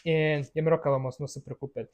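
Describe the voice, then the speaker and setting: A man teaching a Bible study lesson, speaking haltingly with frequent restarts and checking questions. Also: a little high, steady tone, darkish tone.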